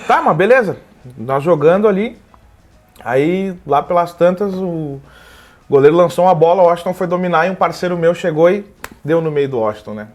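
A man, chatting casually as a guest. His voice sits a little high. He tells long stories with animation and plays out other people's lines as he goes. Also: normal speed. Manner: animated, acts out quoted dialogue. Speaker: guest, comedy video creator. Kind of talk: casual storytelling chat.

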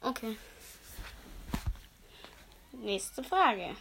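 A woman's voice: a little high, big pitch swings, extremely slow, gravelly, a bit bright, slight background noise. A young woman chatting casually and laughing at herself during a quiz with a friend. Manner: giggly, self-mocking, slangy. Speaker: podcast co-host. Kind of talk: casual chat, New Year quiz.

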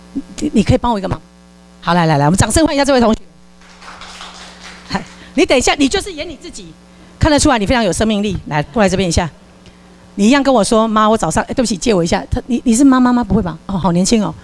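A woman's voice: mid-range voice, rapid-fire. A woman giving a live parenting lecture and acting out a scolding parent with a volunteer. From Taiwan. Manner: lively, acts out scolding parent lines. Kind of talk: live lecture with stage role-play.

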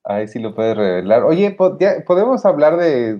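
A man's voice: mid-range voice, very animated, normal speed. Man on a dull lo-fi line. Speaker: podcast co-host. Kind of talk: casual chat. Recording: dull lo-fi sound.

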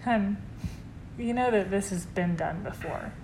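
A woman's voice: medium pitch, a little slow, background noise. A woman co-hosting a podcast at home on the couch, chatting in an easygoing, giggly way. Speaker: podcast co-host. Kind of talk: casual chat.

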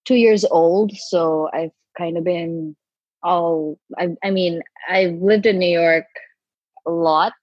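A woman's voice: on the low side, steady tone, slow pace, darkish tone, dry recording, highs cut off. A woman from Bangladesh, an actor guest, chatting casually and self-deprecatingly with lots of fillers. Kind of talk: casual interview chat.

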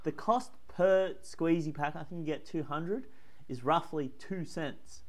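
Aussie guy cohosting, a bit high pitched, chatty and teasing. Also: a little slow. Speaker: podcast co-host. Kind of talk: casual chat.

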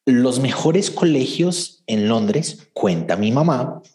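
A man's voice: medium pitch, very animated, slow pace, darkish tone. A Colombian man as a podcast guest, telling stories with self-deprecating humor. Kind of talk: casual conversational interview.

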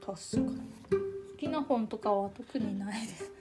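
A young woman chats casually as a podcast co-host, her high voice playful and quick to giggle. Her sentences often trail off softly. Music plays clearly behind her. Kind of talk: casual chat.

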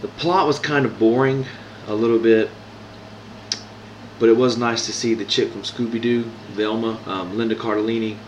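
A man's voice: on the low side, fairly even intonation, moderate pace, a little hiss or hum. A man hosting a podcast, giving a casual movie review with frequent ums and restarts. He has no proper microphone, so his voice sounds echoey. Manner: hesitant, many ums and restarts. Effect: echoey room sound. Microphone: no proper microphone, built-in device mic. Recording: echoey room, voice far from mic.

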